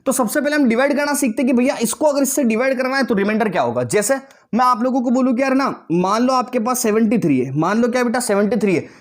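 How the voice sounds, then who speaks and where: A very high-pitched man in his twenties teaches maths in an online class, coaxing his pupils and repeatedly asking whether they understood. He calls them "beta" and "bhaiya" and throws in joking asides.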